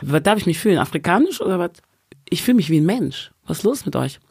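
A woman guest speaks in a casual podcast chat, emphatic and animated, slipping into the voices of the people she quotes. Her voice sits on a close, dry studio mic with no room sound around it. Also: on the low side, fast talker, vocal fry, breathy edge, dry recording.

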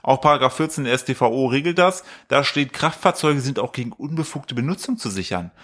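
A man's voice: mid-range voice, animated, brisk, a bit bright. Casting: male podcast co-host, casual storyteller who rambles and jokes while reading out news. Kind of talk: casual chat.

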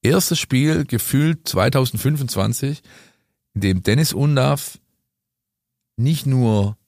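A man's voice: medium pitch, a little mellow, no room sound, studio quality. A man talking football on a podcast, emphatic and lecturing, often ending points with a questioning "ja?". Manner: emphatic, lecturing, rhetorical "ja?" tags. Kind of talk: opinionated monologue in a podcast.

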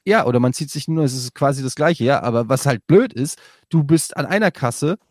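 A man's voice: medium pitch, animated, a little fast, a little mellow, no room sound, clean studio sound. A man in a casual chat, arguing his point firmly and pressing with questions. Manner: indignant, argumentative, pressing questions.

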